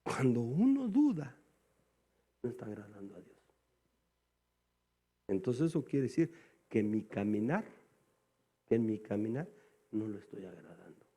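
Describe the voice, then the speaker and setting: A male pastor preaching a sermon. He keeps calling his listeners "brother" and swings between quiet, low asides and loud, high exclamations. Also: very animated, a little slow, pauses often. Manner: calls the congregation "hermano" again and again.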